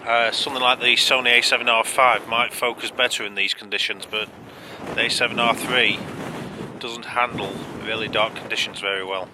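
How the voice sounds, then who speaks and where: A man's voice: medium pitch, steady tone, normal speed. A British man giving casual, chatty narration for a photography vlog. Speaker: landscape photographer and vlogger. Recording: faint background noise.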